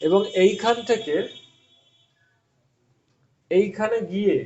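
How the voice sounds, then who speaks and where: A man's voice: high voice, slow, darkish tone, muffled recording. A male physics teacher giving an online class, explaining step by step and often stopping to quiz his students.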